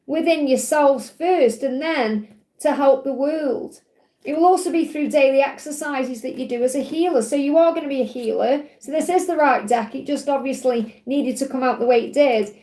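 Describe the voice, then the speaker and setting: A woman's voice: high voice, mellow. A woman with a Stoke-on-Trent accent, giving a casual, reassuring live card reading to viewers. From Stoke-on-Trent, England. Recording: roomy, echoey sound.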